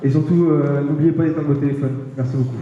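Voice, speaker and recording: A teenage boy co-presenting a school show, announcing hesitantly with many pauses and fillers, in an echoey hall. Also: fairly high pitch, steady tone, muffled recording, very noisy. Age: teens. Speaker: event co-presenter. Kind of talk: live stage announcement.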